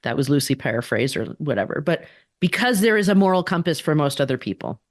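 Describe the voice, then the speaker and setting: A woman's voice: deep voice, big pitch swings, no room sound. Emphatic woman co-host, dry close sound. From daughter of immigrants. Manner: emphatic, quick asides, rhetorical questions. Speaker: podcast co-host. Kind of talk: casual political chat.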